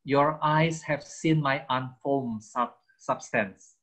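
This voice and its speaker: A man's voice: medium pitch, drawn-out words, fairly bright tone. A man in his sixties, a theology teacher, giving a chatty, self-mocking personal testimony to a youth group and slipping into English phrases. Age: 60s. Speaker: guest speaker, theology teacher.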